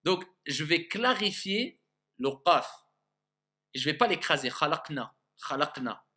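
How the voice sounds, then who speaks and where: Bright-voiced man teaching recitation. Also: fairly high pitch, very animated, measured pace. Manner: patient, checks understanding often, demonstrates sounds aloud. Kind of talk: classroom lesson.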